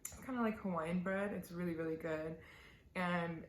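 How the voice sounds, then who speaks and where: Here a UAE-born, Canada-raised vlogger in her twenties answers Q&A questions casually on camera, giggly and full of fillers. Her fairly low voice moves at a moderate pace, and the room echoes with slight background noise.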